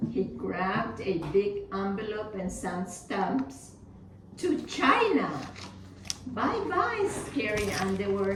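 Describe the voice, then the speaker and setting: Slow-paced woman storyteller in echoey room. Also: mid-range voice. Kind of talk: children's story read-aloud. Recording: roomy, distant mic, noisy background.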